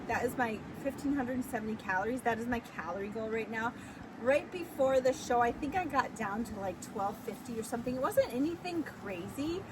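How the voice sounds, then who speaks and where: A woman with a fairly high voice speaks in a casual, confessional vlog style. She is candid and chatty, often slipping into self-encouraging pep talk. A clear vehicle-like ambient noise sits behind her voice. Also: expressive, brisk. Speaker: vlogger, amateur physique competitor.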